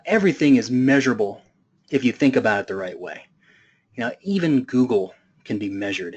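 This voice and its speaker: A man's voice: lowish voice, dull audio. A man giving a conference talk, telling a humorous story in a casual way with loose fillers. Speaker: conference speaker. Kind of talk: storytelling presentation.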